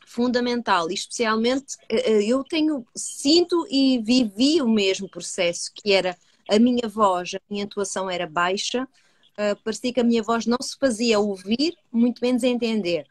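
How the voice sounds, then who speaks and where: A woman's voice: a little high, no room sound. Earnest Portuguese woman, dry close sound. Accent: European Portuguese. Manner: earnest, measured, poses rhetorical questions and answers them. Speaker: co-host, hypnotherapist. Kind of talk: live-stream discussion.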